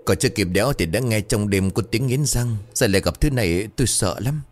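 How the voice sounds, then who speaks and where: A man voicing a frightened older village wife who begs and trembles in a shrill voice. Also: animated, fairly quick, darkish tone, a little hiss or hum, lightly acted. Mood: terrified.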